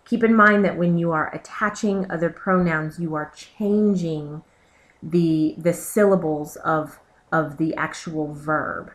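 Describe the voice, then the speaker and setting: Woman, teacher, slideshow voice-over; clear methodical explainer, lowish pitch. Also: fairly even intonation, slow pace. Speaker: Spanish teacher. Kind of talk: recorded slideshow lesson.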